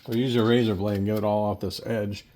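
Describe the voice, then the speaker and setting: A man's voice: fairly low pitch, little pitch movement, fast, dark tone. A folksy, plain-spoken man casually talking through a hands-on repair as a mechanic, with machine noise behind him. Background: air compressor and workshop tool noise.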